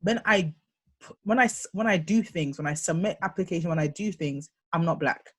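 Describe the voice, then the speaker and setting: Husky-voiced woman, halting and searching. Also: fairly low pitch, fairly bright tone. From United Kingdom. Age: young adult. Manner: halting, many restarts while searching for words. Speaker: podcast co-host. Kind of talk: candid discussion.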